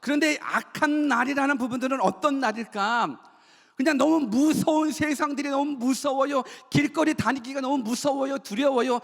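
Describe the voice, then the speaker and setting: Man, pastor, sermon, very high voice, rhetorical questions, long church-hall echo. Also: normal speed, vocal fry. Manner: asks the congregation many rhetorical questions; leads call-and-response repetition. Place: church sanctuary.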